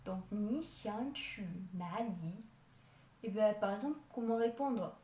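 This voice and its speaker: A woman giving a language lesson, patiently explaining step by step and sounding out foreign words slowly. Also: mid-range voice, expressive, dark tone. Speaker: Chinese language teacher. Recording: echoey room, distant mic.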